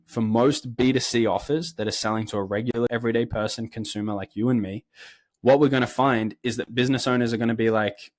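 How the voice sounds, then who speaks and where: A man's voice: medium pitch, dry recording. Blunt young Australian man coaching. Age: 20s. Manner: blunt, direct, leans on "right?" tags. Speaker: sales career coach. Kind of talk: instructional talk to camera.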